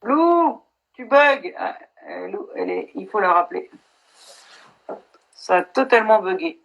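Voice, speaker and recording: A middle-aged actress hosting a casual live stream, talking frankly and swearing now and then over a video call. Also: female voice, fairly low pitch, moderate pace, gravelly, lo-fi sound.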